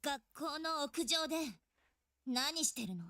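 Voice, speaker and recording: Brief: blank-faced game schoolgirl, clipped and detached, very high pitch. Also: expressive, normal speed, bright, forceful tone, no room sound, studio quality, full character voice. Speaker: visual novel character voice. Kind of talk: Japanese game voice acting.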